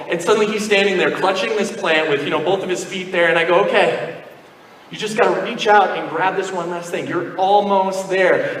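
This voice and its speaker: A male pastor telling a long personal story in a sermon, animated and self-mocking. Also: high-pitched. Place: church sanctuary. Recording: echoey hall, mic from far off.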